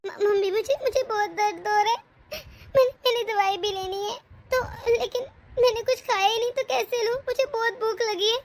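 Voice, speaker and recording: A woman's voice: very high-pitched, normal speed, noisy background. A woman voicing a young pregnant daughter-in-law who pleads tearfully in a cartoon story. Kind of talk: cartoon voice acting.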